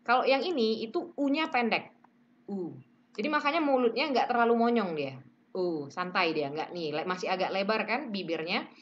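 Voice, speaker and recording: A woman teaching pronunciation in a relaxed online lesson, chatting easily and modelling each sound aloud. She slides between casual talk and English phrases. Her voice sits at an ordinary middle pitch and comes through a somewhat muffled, lo-fi recording. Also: fairly quick, a little hiss or hum.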